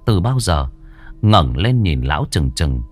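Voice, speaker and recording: A man narrating a ghost story with a dramatic, drawn-out delivery. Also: low-pitched, big pitch swings, darkish tone, soft background music.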